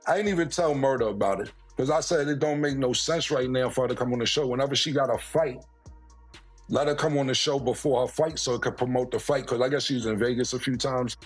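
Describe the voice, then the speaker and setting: A man's voice: medium pitch, fast talker, husky, soft background music. A man co-hosting a talk show, going on a blunt, profane, escalating comedic rant in casual, repetitive phrasing.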